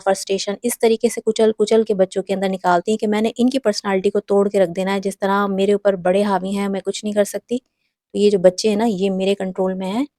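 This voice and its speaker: A woman's voice: mid-range voice, mellow, no echo, studio quality. A woman hosting a parenting advice talk, speaking earnestly and instructively straight to mothers. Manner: earnest, instructive, addresses viewers directly.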